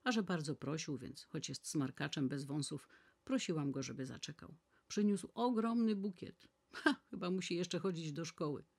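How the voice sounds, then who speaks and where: A woman reading aloud voices a brisk, fussy young housemaid who chatters and scolds. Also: low-pitched, slightly rough. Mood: gossipy.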